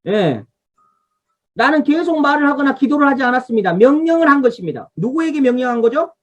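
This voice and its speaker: A woman pastor guides an online revival Bible study by video call, speaking a little fast with lively intonation in a high voice. Working from a study guide, she points out what to underline and invites the congregation's responses.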